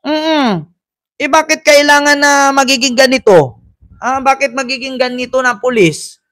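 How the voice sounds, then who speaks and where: A man's voice: very high-pitched, measured pace, sharp tone, no room sound, studio quality. A man hosting a casual live commentary, chatting with rhetorical asides and reading viewer comments aloud. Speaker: commentary vlogger and host.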